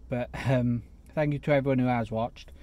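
A man in his parked car chats casually about a chicken burger he is eating, now and then talking through a mouthful. His voice sits at an ordinary middle pitch. He breaks off for quick, self-mocking asides. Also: steady tone, mellow. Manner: chatty, eats while talking, self-deprecating asides. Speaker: food reviewer. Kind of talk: casual food review vlog. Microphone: phone camera.

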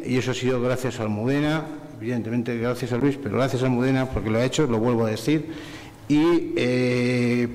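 A middle-aged man from Valencia gives formal, effusive thanks into a table microphone. His voice sits in the middle range. A long reverb from the large hotel room trails behind each phrase. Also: mid-range voice. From Valencia, Spain. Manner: warm, effusive, repetitive listing. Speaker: forum collaborator giving closing thanks. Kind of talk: formal public thanks at a business breakfast. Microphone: table microphone on stand.

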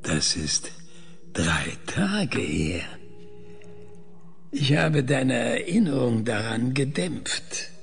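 A man playing a methodical, probing researcher in a science fiction audio drama, questioning in a measured, clinical way. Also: medium pitch, sing-song, gravelly, soft background music, full character voice.

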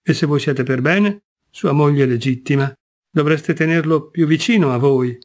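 A man's voice: fairly high pitch, normal speed, a little mellow, close to an everyday voice. A man voicing an indignant young chorus girl. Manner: indignant, pleading, flustered. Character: young woman, a chorus girl, defensive and offended.

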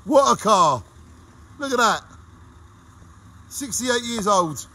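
Holding his phone at arm's length, a middle-aged vlogger chats like a showman to viewers while standing at an outdoor car wash. He speaks slowly in a high, bright, forceful voice with lively intonation, and there's a little hiss or hum in this cheerful commentary.

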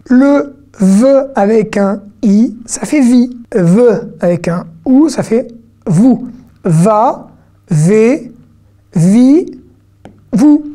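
A woman giving an online Hebrew reading lesson, patient and encouraging, spelling out syllables slowly for beginners. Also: mid-range voice, warm tone. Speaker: Hebrew teacher.

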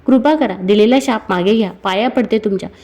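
A woman voicing a gentle young princess in a read-aloud devotional story, speaking in a humble, imploring way. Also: mid-range voice, brisk, natural voice.

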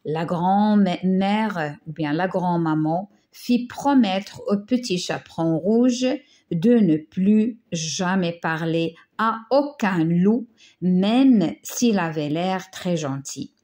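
A woman teacher reading a children's tale aloud, slow and careful, with small slips and restarts. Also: on the low side, dark tone.

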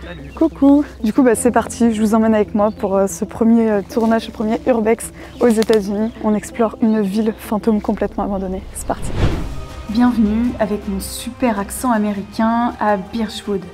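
A young woman vlogging chattily outdoors while exploring an abandoned place, often dropping to a hushed voice. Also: fairly high pitch, steady tone, fairly quick, faint music behind. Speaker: urbex vlogger. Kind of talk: casual vlog narration with sponsored segment.

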